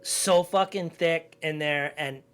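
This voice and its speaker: A man with a fairly high voice jumps in with eager, agreeable banter full of swearing. He talks loosely in a podcast chat. Faint music sits behind him. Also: steady tone, slow pace, fairly bright tone, clean tone. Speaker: podcast co-host. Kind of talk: casual chat.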